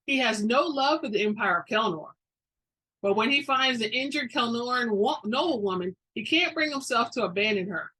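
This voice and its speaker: A woman's voice: a little high, animated, moderate pace, sharp tone, slightly rough, poor audio. A woman giving a dramatic reading of a story, as an informal amateur narrator who now and then stumbles over a word. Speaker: reader of a romance fantasy novel.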